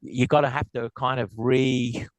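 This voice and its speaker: A man with a South African accent speaks in a brisk, upbeat way, often restarting his sentences as he explains business points. His voice sits at a middle pitch and sounds dry and close, with no room echo. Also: steady tone. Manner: quick, upbeat, frequent restarts. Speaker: guest speaker. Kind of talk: business lecture and Q&A.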